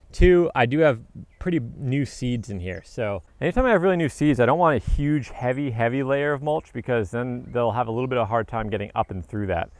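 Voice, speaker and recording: A man in his thirties walks through his garden outdoors, talking into a handheld camera he holds at arm's length. He is upbeat and chatty, trailing off into fillers and correcting himself mid-sentence. His voice sits at an ordinary pitch and sounds dry and close, with no room echo. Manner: upbeat, rambling, with frequent fillers and self-corrections. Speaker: homesteader vlogger. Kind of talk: casual garden walk-through. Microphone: handheld action camera at arm's length.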